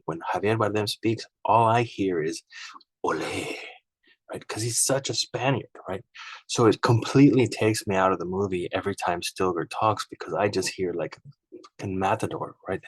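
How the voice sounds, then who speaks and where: A low-pitched man talks through his opinions in a loose, rambling way, tagging his points with "right?" and getting openly irked. The sound is dry and close, with no room around him. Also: dry recording, low-quality recording. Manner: rambling and conversational, often ending points with "right?"; frank and opinionated, easily irked. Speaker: film reviewer. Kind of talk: casual spoken film comparison.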